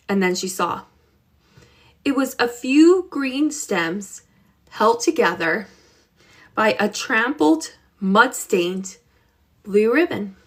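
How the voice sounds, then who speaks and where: A woman reading a children's chapter book aloud with expressive, unhurried storytelling. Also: high voice. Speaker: reader.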